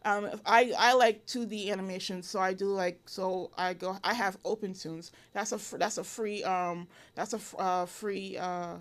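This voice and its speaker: A woman in her thirties from Connecticut, a guest in a casual interview. She talks in halting bursts, full of ums and restarts as she searches for words. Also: medium pitch, fairly even intonation. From Connecticut, USA. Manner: hesitant, many fillers and restarts. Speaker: interview guest, illustrator and cartoonist.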